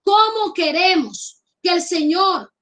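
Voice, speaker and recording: A woman's voice: very high voice, lively intonation, slow, bright, forceful tone. A middle-aged woman pastor from Colombia with a Caribbean Colombian accent, preaching a fervent sermon and calling for amens. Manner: fervent, emphatic preaching with repeated calls for amen.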